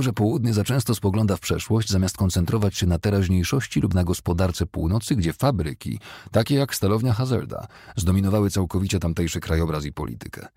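A man narrating a novel as an audiobook, in a steady, measured storytelling manner. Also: low voice, creaky, husky, dry recording, studio quality.

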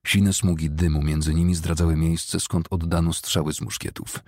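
A man narrating a novel as an audiobook, in a steady, measured storytelling manner. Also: deep voice, no echo, clean studio sound.

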